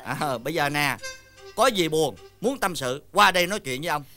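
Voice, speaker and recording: A man's voice: on the high side, lively intonation, moderate pace, bright, forceful tone. An actor playing an exasperated older village fortune-teller and father in a comedy sketch. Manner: exasperated, theatrical sighing and laughing. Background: background music.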